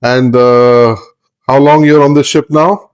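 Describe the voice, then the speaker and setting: A man's voice: medium pitch, fairly even intonation, takes it slowly, clear, resonant tone, highs cut off. A man with an Indian accent hosting an explainer vlog on a ship's bridge, switching between English and Hindi and restating points to teach. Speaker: video host and interviewer.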